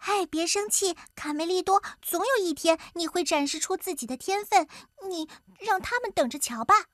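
A woman voicing a kind little hen who gently encourages her brother in a children's storybook. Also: high-pitched, very animated, measured pace, no echo, studio quality, voice pushed up. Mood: comforting. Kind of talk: storybook voice acting.

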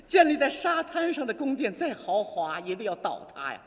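Male comic voicing a nagging older sister, slower, lower and patronizing, in an echoey hall. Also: huge pitch swings. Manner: patronizing, lecturing. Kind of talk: comic crosstalk acting. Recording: echoey hall stage recording.

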